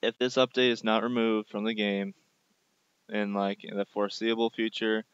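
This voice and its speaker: A man's voice: lowish voice, little pitch movement, normal speed, smooth, dry recording. A young man in an informal, exasperated rant, complaining emphatically on a dull, lo-fi recording. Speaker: gaming video creator. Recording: dull lo-fi dry microphone.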